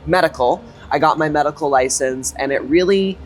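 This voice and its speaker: Appearing as a guest in a casual interview, a drag performer and choreographer from Texas banters in a lively, campy, playful way, firing off quick quips. His male voice sits a little high.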